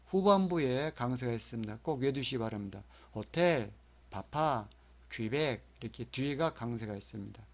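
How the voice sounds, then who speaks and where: A man's voice: medium pitch, darkish tone. Korean man lecturing on exam questions. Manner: explanatory, repeats key terms for memorizing; spells out English terms slowly.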